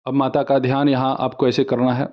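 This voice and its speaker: Male spiritual teacher, mid pitch, slow measured mantra chanting, dull lo-fi sound. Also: little pitch movement. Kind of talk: devotional instruction with mantra recitation.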